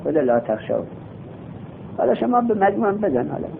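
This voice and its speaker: A man's voice: sing-song, gravelly. Tinny-sounding male teacher quizzing students. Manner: reads text slowly then explains and quizzes students. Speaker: teacher of Arabic grammar. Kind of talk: classroom lesson. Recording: tinny phone-like recording with faint rumble.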